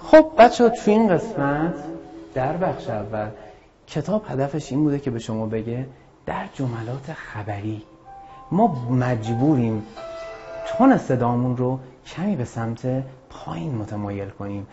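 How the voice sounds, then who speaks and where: A man's voice: medium pitch, animated, music in the background. A man teaching an English lesson to students, explaining patiently and addressing them directly. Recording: dull lo-fi audio.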